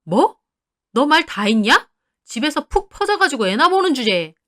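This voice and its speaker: A snide, combative brother-in-law in a spoken drama story, played by a woman narrator. He sneers with a high, lively voice full of swoops. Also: moderate pace. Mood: sneering.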